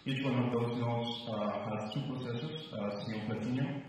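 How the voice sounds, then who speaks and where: A man in his thirties from Nicaragua giving a conference presentation into a handheld mic, halting with many fillers. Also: mid-range voice, darkish tone, a little hiss or hum. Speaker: researcher giving a conference talk. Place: large room at a conference. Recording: roomy hall sound from a distant mic.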